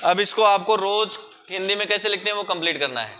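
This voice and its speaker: A man teaching a primary school class, patiently coaxing the children and drawing words out slowly to show the sounds. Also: sits high, expressive, pushed and bright, slight background noise. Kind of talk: classroom lesson.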